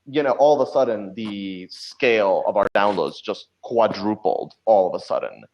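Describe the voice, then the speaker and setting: A man with a low-ish voice speaks at normal speed as a guest on an interview. A podcast creator himself, he chats casually, telling stories and elaborating on them. The audio is dull with slight background noise.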